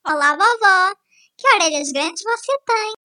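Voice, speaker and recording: A very high, bright little girl's voice, sweet and naive. She talks eagerly, a storybook child with a sharp, shining tone. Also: animated, measured pace, full character voice. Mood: wondering. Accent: European Portuguese. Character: small sweet naive girl, polite. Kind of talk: storybook voice acting.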